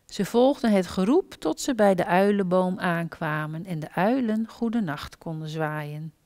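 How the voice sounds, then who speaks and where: A woman's voice: on the low side, lively intonation, measured pace, darkish tone, no room sound. A woman reading a children's story aloud expressively during a church service.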